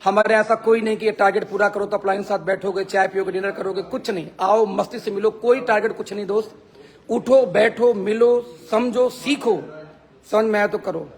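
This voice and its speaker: With a steady tone and normal speed, a network marketing team leader delivers a motivational Facebook live pep talk. His voice is hoarse, gravelly, and high for a man, and he's emphatic, repeating phrases to hammer his points home.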